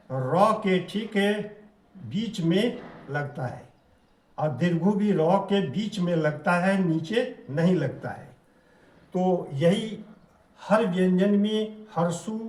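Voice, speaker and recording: Man, teacher, measured syllable-by-syllable chant, voice a bit high, roomy and distant sound. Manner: deliberate, chanting syllables one by one. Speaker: Hindi teacher. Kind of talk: slow recited grammar lesson. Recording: echoey room, mic at a distance.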